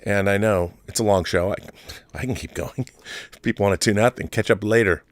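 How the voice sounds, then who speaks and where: Speaking fairly quickly in a fairly low voice, a man hosts a livestream of casual commentary, reading out viewer comments and articles. Asides and repeated phrases for emphasis pepper his talk, and there's no echo.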